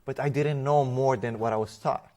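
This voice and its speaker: A man who grew up in Romania, a guest in an interview, telling his personal faith story in an animated way with fillers and restarts. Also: mid-range voice, moderate pace. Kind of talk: conversational personal testimony.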